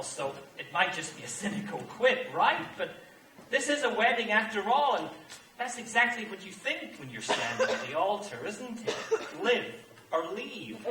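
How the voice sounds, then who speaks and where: An actor playing a wistful male theater fan who chats and muses to the audience. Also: high voice. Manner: chatty and confiding, musing aloud. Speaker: narrator of the musical. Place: theater stage. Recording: echoey stage from far off, light noise.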